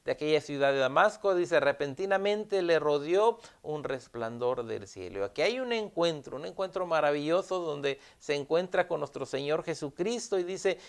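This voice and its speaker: A male pastor preaching a sermon in an earnest tone, repeating key phrases and pausing with "ah". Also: fairly high pitch.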